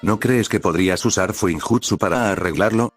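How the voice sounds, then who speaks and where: A man voicing a lazy, teasing teenage male ninja in a storybook reading, with a slow drawl. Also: fairly low pitch, breathy edge, faint music behind.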